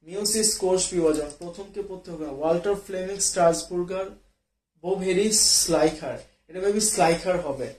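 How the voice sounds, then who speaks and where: A man with a high voice works through quiz answers as a biology tutor. He talks casually, mixes in English words and keeps asking if his students follow. The sound carries a roomy echo. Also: brisk, a little mellow. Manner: casual, often checks in with students. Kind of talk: online class, solving quiz questions.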